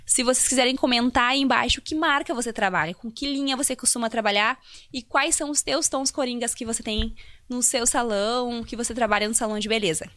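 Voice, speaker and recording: Lady hairdresser walking viewers through toners, fairly high voice, dry close sound. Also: brisk, fairly bright tone, no room sound. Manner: explanatory, tutorial-like, addresses viewers. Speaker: hairdresser and salon colorist. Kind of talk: live Q&A on hair color.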